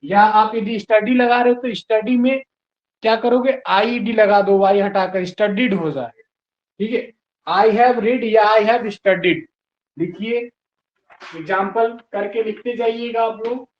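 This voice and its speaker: Male teacher, high voice, spells words out slowly, patient, roomy dull lo-fi classroom sound. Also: steady tone. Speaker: English teacher. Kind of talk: classroom lesson.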